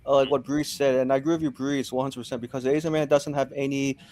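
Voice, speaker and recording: A man's voice: medium pitch, flat delivery, fast, dark tone. A man hosting a podcast panel, agreeable and stumbling over words, calling on others. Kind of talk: moderating podcast talk.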